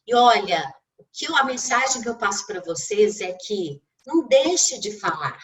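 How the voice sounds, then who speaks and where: Speaking to her listeners directly on a video call, a woman who works as a speech therapist and communication mentor gives a teaching talk in a Brazilian Portuguese accent. She talks at a normal speed with a medium pitch that swings widely, recorded from a distance in poor audio quality.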